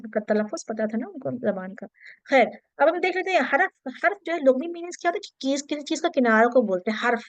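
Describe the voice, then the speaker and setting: A woman teaching a class, explaining in a steady, explanatory way. She slips English terms into her sentences and often checks in with her listeners. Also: fairly high pitch, no echo. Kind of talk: interactive class lecture.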